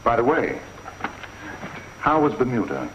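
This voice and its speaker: A calm, shrewd police inspector. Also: male voice, mid-range voice, slight background noise. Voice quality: measured, dry and quietly probing. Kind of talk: 1950s TV crime drama acting. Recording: dull lo-fi 1950s TV soundtrack.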